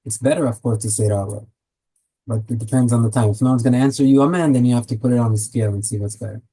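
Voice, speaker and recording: A man with an Israeli accent teaching a casual weekly Torah class, lively and joking with his students. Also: medium pitch, very fast, husky, poor audio.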